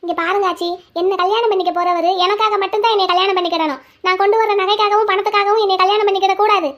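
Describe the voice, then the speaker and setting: A woman's voice: very high voice, fairly even intonation, very fast, fairly bright tone, lo-fi sound. A woman voicing a bold, outspoken young woman heroine in a cartoon. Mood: defiant. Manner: defiant, outspoken.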